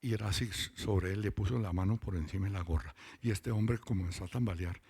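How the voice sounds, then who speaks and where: Gravelly low-voiced man preaching. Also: mellow. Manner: storytelling, drawn-out emphatic words. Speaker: lay preacher giving testimony. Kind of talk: testimony sermon. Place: church meeting.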